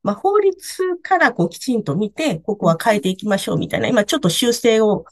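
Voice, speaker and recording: A woman's voice: fairly high pitch, very animated, a little fast, dry recording, clean studio sound. Stuffy-nosed woman explaining politely. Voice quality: nasal, stuffy nose from a cold. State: has a cold. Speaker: beauty salon academy director, expert speaker. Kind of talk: conversational explanation on a talk program.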